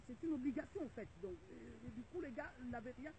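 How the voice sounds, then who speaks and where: Addressing viewers in a video, an indignant middle-aged woman repeats rallying cries over and over. She speaks fairly quickly in a higher voice that's gravelly yet warm, and the audio sounds tinny and phone-like, with faint noise.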